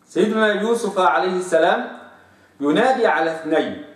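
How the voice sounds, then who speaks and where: A man teaching Quranic recitation rules, stretching out example words slowly to demonstrate sounds. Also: sits high, reverberant, recorded from a distance. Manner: drawn-out slow recitation of examples. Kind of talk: tajweed lesson with slow demonstrations.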